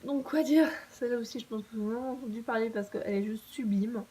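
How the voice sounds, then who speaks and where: Young woman, beauty vlogger, casual review to camera, enthusiastic, chatty, fairly high voice. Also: quick pace, warm tone, rough recording. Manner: chatty, enthusiastic, frequent fillers and restarts.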